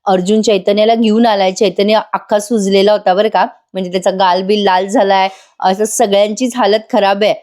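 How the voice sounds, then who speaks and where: Here a woman reviews a TV serial in a conversational voice-over, addressing viewers head-on. Her medium-pitched voice is steady, a little mellow, and fairly quick.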